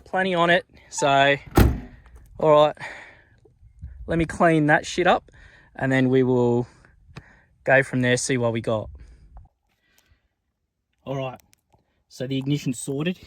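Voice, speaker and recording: A man's voice: mid-range voice, fairly even intonation, takes it slowly, pauses often. An Australian man chatting casually in a vlog as he works on a car, with laid-back, sweary, blokey Aussie slang. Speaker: car build vlogger. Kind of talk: casual vlog chat while working on a car.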